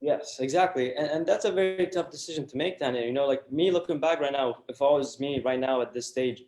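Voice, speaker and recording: A young man speaks as an interview guest. He talks earnestly, leaning on fillers and restarting his sentences. His voice sits at a middle pitch and rings with a noticeable room echo. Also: fairly quick, a little mellow. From Iraq. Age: 20s. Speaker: guest entrepreneur. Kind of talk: casual interview talk.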